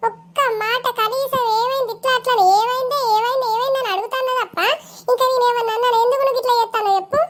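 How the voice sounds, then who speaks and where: A woman's voice: extremely high pitch, fairly even intonation, a bit bright, pitched above the performer's own voice. A woman playing a bossy, scolding village wife. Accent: Telangana Telugu. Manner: scolding, brusque, rapid-fire. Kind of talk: cartoon voice acting.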